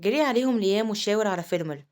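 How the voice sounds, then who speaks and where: A woman with an Egyptian Arabic accent narrating a manhwa recap, telling the story quickly and reading quoted lines plainly. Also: mid-range voice, expressive, darkish tone.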